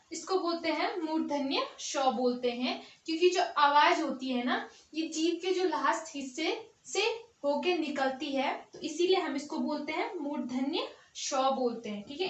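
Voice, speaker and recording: A woman's voice: sits high, normal speed, distant mic. A woman teacher giving a grammar lesson, explaining step by step and answering her own questions. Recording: echoey room, voice off-mic.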